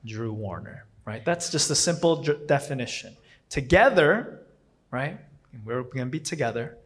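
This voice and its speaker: Husky and animated, a man with a medium-pitched voice preaches at normal speed in English, a language he didn't grow up with. His loose sermon meanders, and he keeps restarting, correcting himself, and using fillers.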